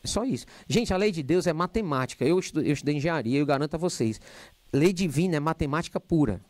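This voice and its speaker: Loud, animated man giving a lecture. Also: on the high side, fast talker, dry recording. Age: middle-aged. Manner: loud, animated, joking asides. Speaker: spiritist lecturer. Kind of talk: lecture to a live audience. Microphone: handheld microphone.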